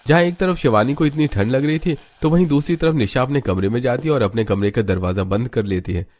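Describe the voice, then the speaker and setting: A man narrating a family drama story in an even, storytelling way. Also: medium pitch, a little fast, no room sound.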